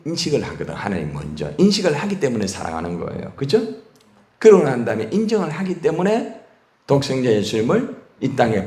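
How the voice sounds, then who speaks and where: A man's voice: mid-range voice, mellow. A man who is a pastor, preaching a sermon and asking his congregation questions. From Korea. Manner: call-and-response questions to the congregation. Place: church sanctuary. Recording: echoey church hall.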